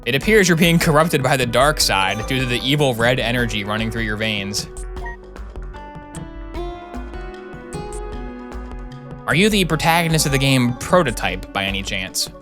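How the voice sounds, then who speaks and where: A man's voice: medium pitch, expressive, fairly quick, few pauses, lightly acted. A man voicing a sardonic, blunt male doctor from a video game, with dry sarcasm. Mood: mocking. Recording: music behind the voice.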